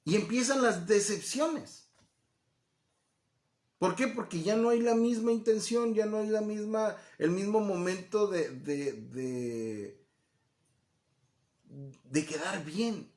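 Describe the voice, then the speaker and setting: A man's voice: high-pitched, slow pace, pauses often, darkish tone. A man teaching from the Bible in a conversational way, often checking in with listeners and acting out quoted voices. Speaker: preacher. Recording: echoey room.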